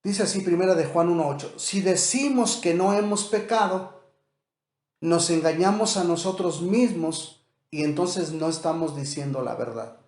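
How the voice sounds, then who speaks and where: A man's voice: sits high, normal speed, darkish tone, echoey room. A man, preaching a sermon as pastor, talking conversationally and asking rhetorical questions.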